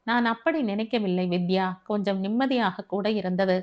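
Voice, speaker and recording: A woman reading the part of an earnest male friend who offers comfort and reasons gently, as audiobook dialogue. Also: medium pitch, normal speed, close to an everyday voice.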